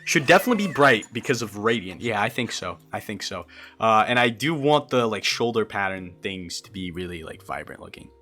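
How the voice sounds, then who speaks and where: On the low side and sing-song, the voice of this young Brazilian streamer comes out a little fast, pushed, and bright. Portuguese is his first language, and he chats loosely with viewers while building a game creature, often stammering and beginning again. Soft music plays behind him.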